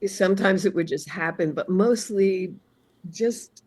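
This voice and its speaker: An older woman, raised around Philadelphia, talking candidly and reflectively as a guest, often halting mid-thought and laughing easily. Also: medium pitch, darkish tone, no room sound, rough recording. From born in Arizona, raised in Philadelphia area. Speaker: guest, radio jazz presenter. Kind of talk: candid interview conversation.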